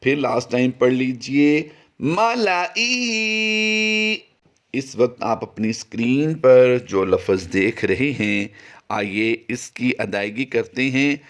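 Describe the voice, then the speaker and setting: A man teaching Quran reading in a recorded tajweed lesson, explaining patiently and chanting each sample word long and high. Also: measured pace.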